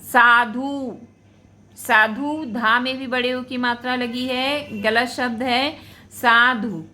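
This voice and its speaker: Slow, bright-voiced woman teacher. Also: on the high side, fairly even intonation. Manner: slow, deliberate, repeats each word before correcting it. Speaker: Hindi teacher. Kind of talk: spelling lesson for school students.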